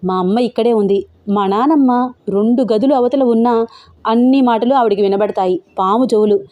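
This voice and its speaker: A woman's voice: a little high, normal speed, no room sound, muffled recording, lightly acted. A woman voicing a shy, easily flustered young man in a Telugu audio story. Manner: scolding, embarrassed complaints. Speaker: male lead in an audio love story.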